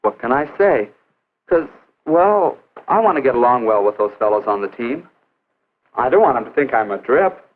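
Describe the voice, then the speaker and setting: A young man acting an earnest, hesitant high school athlete in the stilted style of a 1950s educational film. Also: animated, moderate pace, slight background noise, lightly acted. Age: teens or young adult. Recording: narrow phone-like 1950s film soundtrack.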